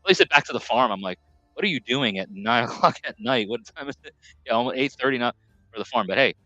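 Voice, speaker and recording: Rambling New man, bright tone. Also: medium pitch, lively intonation, quick pace, no echo, lo-fi sound. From New York, USA. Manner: rambling, self-correcting. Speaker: live stream host. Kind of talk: casual chat reading viewer comments.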